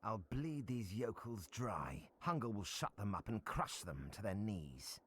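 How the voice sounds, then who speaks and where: An actor playing a cruel, merciless, menacing sheriff in a medieval video game. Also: male voice, lowish voice, very animated, unhurried, husky, exaggerated voice.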